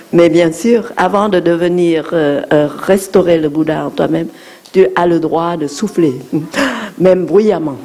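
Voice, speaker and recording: A woman interpreting a dharma talk for children in a gentle manner, guiding them through breathing exercises. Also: fairly low pitch.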